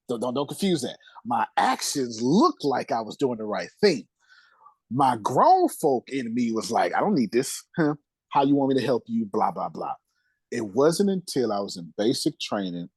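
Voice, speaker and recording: On a podcast, a man being interviewed recounts his life frankly and emphatically, leaning on street slang and repeated phrases for emphasis. The voice is mid-range and darkish with some breathiness, and there's no room sound.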